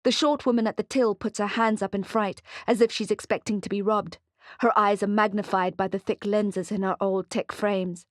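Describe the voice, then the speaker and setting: A woman reading a thriller audiobook in a measured, dramatic narration on a close studio mic. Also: mid-range voice, fairly even intonation, no room sound. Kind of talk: scripted narration.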